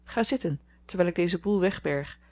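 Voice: mid-range voice, moderate pace, lightly acted. A reader playing a prim, earnest young girl. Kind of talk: audiobook character voice.

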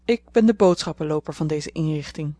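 A woman's voice: deep voice, brisk, dark tone, dry recording. A woman voicing a cheerful, eager teenage boy with a breezy, playful manner.

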